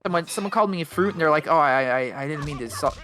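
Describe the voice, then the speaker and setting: A man streaming a video game and chatting casually, rambling and joking and quick to laugh. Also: fairly high pitch, a crowd in the background.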